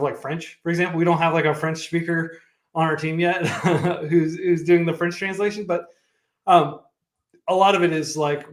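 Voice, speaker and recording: With a fairly high pitch and fairly bright tone, the man chats casually as a livestream guest. He's the founder of a coding nonprofit, laughs often and keeps using fillers and restarting his thoughts. His room gives off noticeable echo.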